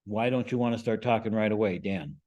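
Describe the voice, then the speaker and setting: Speaking fairly quickly in a low-ish, darkish voice, an American amateur radio instructor gives a group an informal, conversational presentation. He often pauses for short check-in questions.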